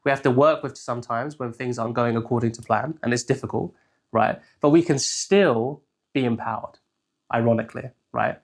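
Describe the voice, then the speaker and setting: A man's voice: mid-range voice, fairly quick, gravelly. Conversational young man. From England. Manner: conversational, keeps checking in with "right?". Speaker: life coach. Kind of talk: casual solo teaching talk.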